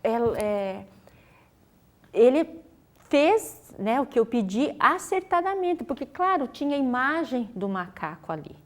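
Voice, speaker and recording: A woman's voice: high voice, sing-song, a little slow. A woman, a teacher patiently explaining a literacy method in an interview. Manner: patient, instructive, uses many fillers.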